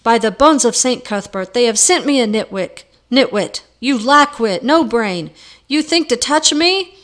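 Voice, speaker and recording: A woman reading aloud voices a shrill, hysterical miller's wife in labor, screeching insults. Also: expressive, a little slow, a bit bright.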